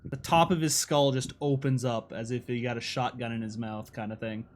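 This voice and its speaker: A man's voice: mid-range voice, steady tone, a little fast, slight background noise. A man running a tabletop game on a live stream, describing gory scenes casually and laughing often. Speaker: dungeon master. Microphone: streaming microphone.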